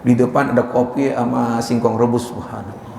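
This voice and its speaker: Preacher guy, gravelly voice, joking around, big echoey hall with faint noise. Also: medium pitch, darkish tone. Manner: chatty and joking, recites Arabic phrases slowly. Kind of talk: casual humorous sermon.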